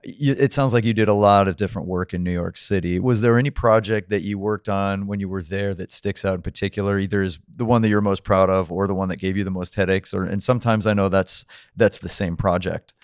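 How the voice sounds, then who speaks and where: A man's voice: low-pitched, steady tone, brisk, few pauses, smooth, dry recording, clean studio sound. A middle-aged man hosting an interview podcast, asking questions in a friendly, upbeat way. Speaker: podcast host, magazine editor. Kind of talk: conversational interview.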